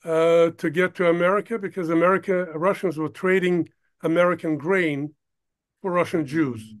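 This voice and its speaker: An older man from Ukraine, a producer, talking as an interview guest in a halting way, stopping often to search for words. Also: on the high side, fairly even intonation. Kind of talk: casual interview talk.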